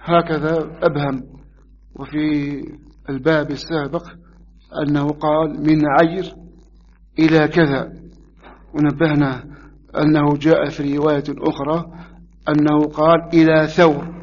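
Measured male hadith teacher, lo-fi. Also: on the high side, slightly rough. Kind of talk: religious lesson explaining hadith.

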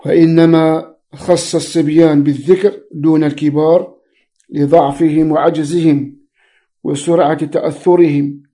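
A man teaching a religious text, reading commentary slowly and spelling out letters and variant readings. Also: a little high, warm tone.

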